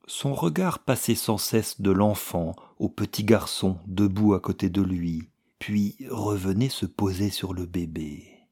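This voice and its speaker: Slow, husky male storyteller. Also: sits low, darkish tone. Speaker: narrator. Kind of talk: literary story reading.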